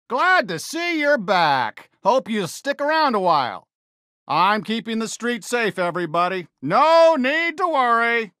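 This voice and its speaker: Friendly toy cowboy sheriff for a game: American, folksy drawl, unhurried, swooping lively pitch, good-natured. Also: male voice, no room sound, studio quality, full character voice. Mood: alarmed, reassuring. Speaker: video game character greeting players. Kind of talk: animated game voice lines.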